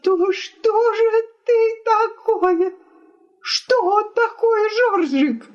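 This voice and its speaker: Woman doing a shrill, tearful wife. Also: animated, unhurried, a little mellow, lo-fi sound. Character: indignant tearful middle-aged wife.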